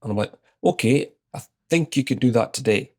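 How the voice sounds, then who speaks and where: A medium-pitched Scottish man in his fifties speaks fairly quickly while telling an anecdote as an executive guest in an interview. His manner is relaxed, and he recounts conversations he took part in.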